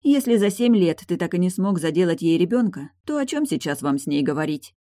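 A woman reading an audiobook, voicing a brash, sharp-tongued retired guardswoman who is mocking, blunt and pushy. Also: fairly low pitch, expressive, brisk, dry recording, studio quality, voice pushed up, lightly acted.

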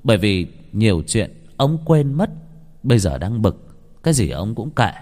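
Guy reading a horror story, low voice, big reverb. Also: very animated, moderate pace, a little mellow. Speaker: narrator. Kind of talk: scripted horror story narration. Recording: long hall reverb.

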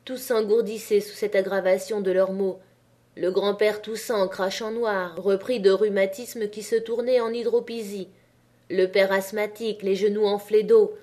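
A woman narrating an audiobook of a classic novel in a measured, expressive reading. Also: mid-range voice. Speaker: audiobook reader.

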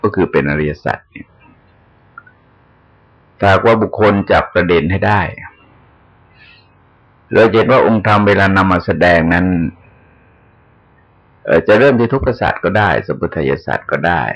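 An older man, a Buddhist monk, giving a sermon in a slow, measured way with pauses as he explains. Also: low-pitched, fairly bright tone, highs cut off.

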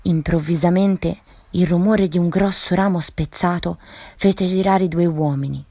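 Low-voiced woman reading a tale. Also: fairly even intonation, a little slow, mellow, breathy edge, no room sound, clean studio sound. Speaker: radio literature show reader. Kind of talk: reading a story aloud.

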